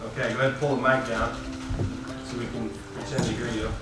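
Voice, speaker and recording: A man's voice: mid-range voice, level tone, fast talker, loud music behind the voice. American man moderating in echoey room. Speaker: committee chair in a mock debate. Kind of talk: playful formal moderating. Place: committee room with audience. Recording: very echoey hall, distant microphone.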